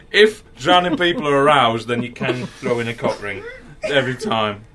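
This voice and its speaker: A man's voice: medium pitch, expressive, a little slow, crowd noise. A man joking and rambling in casual banter, laughing often.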